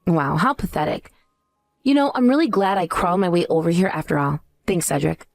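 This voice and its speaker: A woman's voice: lowish voice, a little fast, vocal fry, no echo, studio quality, soft background music. A woman playing a cool, scornful wife out for revenge in a dramatized story. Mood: smug triumph. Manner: taunting, cool. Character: scornful, vengeful pregnant ex-wife, coolly triumphant. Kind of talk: dramatized story dialogue and narration.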